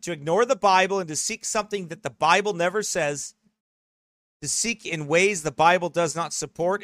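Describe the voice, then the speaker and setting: A man preaching a sermon in a high, bright, sharp voice, mocking what he describes and reading passages aloud. The sound is close and dry. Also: no echo. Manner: mocking, animated, reads quotes aloud. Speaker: pastor.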